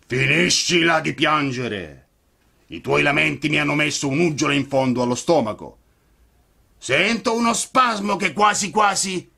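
A man voicing a huge, gruff, bearded puppet master who is soft-hearted underneath, talking in a loud, blustering manner. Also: mid-range voice, animated, measured pace, pitched above the performer's own voice, full character voice.

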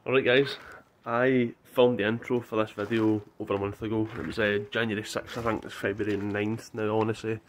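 A man's voice: fairly low pitch, flat delivery, fairly quick, hardly any pauses. A young man with a Scottish accent chatting casually to camera as a vlogger. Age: young adult. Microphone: phone at arm's length. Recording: faintly noisy phone recording.

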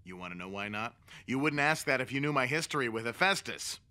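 A man's voice: mid-range voice, animated, fast, noisy background, natural voice. Salem, a man voicing a sarcastic cat. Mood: sardonic. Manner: sardonic, dramatic, wheedling. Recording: cartoon dialogue with music behind.

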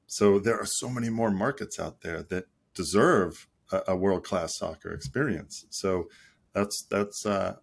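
A middle-aged man, a guest on a video call interview, speaking thoughtfully with many pauses and restarts. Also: low-pitched, slightly rough. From United States. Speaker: league marketing chief, guest. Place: small office at home. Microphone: headset on a video call.

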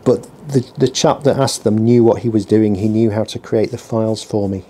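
Here a small business owner vlogs from his workshop in a lowish, dark voice with fairly even intonation and normal speed, against slight background noise. He works at his bench, rambling casually and poking dry fun at himself. The mic is on the bench below him, with a heater going nearby.

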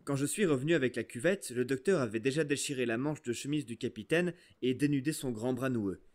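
A man narrating an adventure novel aloud in an expressive, storytelling way. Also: mid-range voice, brisk. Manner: expressive storytelling, first-person voice of a boy. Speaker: audiobook narrator. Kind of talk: scripted narration.

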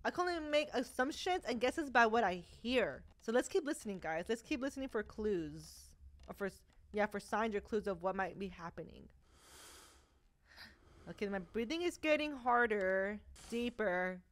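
A woman's voice: mid-range voice, expressive, moderate pace. A young woman playing a horror game and talking to her viewers in a chatty way, with nervous laughs. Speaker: gaming YouTuber. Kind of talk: let's play commentary.

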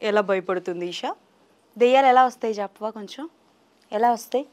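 A woman's voice: on the high side, fairly quick, a little mellow. A woman interviewer in playful chat with a small child, asking teasing, coaxing, sing-song questions.

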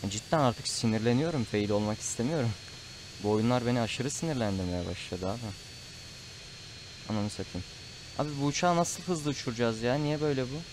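Over a noisy background, this man's mid-range voice comes across animated and brisk. He's giving chatty, casual gameplay commentary, addressing his audience as "abi" and getting frustrated often.

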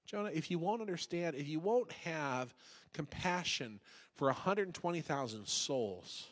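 A male pastor preaching a sermon, dramatic, swinging from loud urging to hushed pleading and acting out quoted voices. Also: on the high side, animated, unhurried. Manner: voices God and Jonah in quoted asides.

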